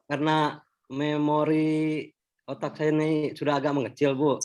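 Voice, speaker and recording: A man's voice: on the high side, monotone, unhurried, darkish tone. A man student answering in an online class over a video call, joking, self-deprecating and apologetic.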